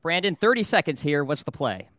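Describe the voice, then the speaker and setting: A man hosting a sports betting talk show, reading out odds and moving briskly from one segment to the next. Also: fairly high pitch, very animated, a bit bright, no room sound. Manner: brisk, moves the segments along.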